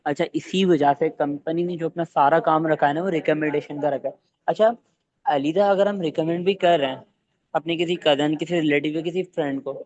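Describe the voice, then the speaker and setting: Man, team trainer, fast and quizzing, slightly high voice, muffled dry sound. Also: darkish tone. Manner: rapid-fire, quizzing listeners with either-or questions. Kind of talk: online training session.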